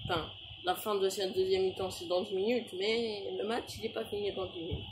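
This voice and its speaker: A young French man commentating a football video game he is playing, rattling off player names and shouting at big chances. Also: sits high, steady tone, fairly quick, noisy background. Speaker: gaming YouTuber.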